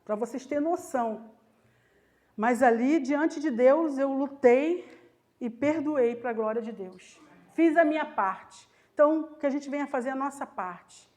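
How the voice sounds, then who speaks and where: A woman's voice: high-pitched, a little slow, a little mellow. A Brazilian woman preaching a Sunday sermon in church, telling stories and acting out the voices of the people she quotes with emphasis. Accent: Brazilian Portuguese.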